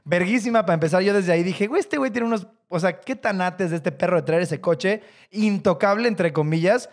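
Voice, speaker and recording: A man with a Mexican accent, co-hosting a podcast, telling a story in an animated, slangy way and acting out the voices of the people in it. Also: high-pitched, brisk. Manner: animated, slangy, acts out quoted dialogue. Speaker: podcast co-host. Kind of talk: casual storytelling chat.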